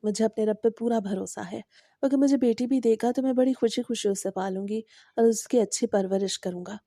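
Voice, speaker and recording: A woman's voice: fairly high pitch, no room sound, clean studio sound. Woman reading as a patient devoted young husband. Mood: firm. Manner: gentle, patient pleading.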